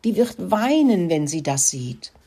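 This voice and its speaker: A woman voicing a soft-hearted little girl mouse who whispers in distress. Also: on the low side, big pitch swings, measured pace, breathy edge, exaggerated voice.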